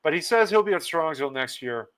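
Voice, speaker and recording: Male host, casual livestream chat, chuckling, reads comments aloud, slightly high, smooth tone. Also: animated, fast talker, a bit bright. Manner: laughs often, reads viewer comments aloud. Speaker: podcast host.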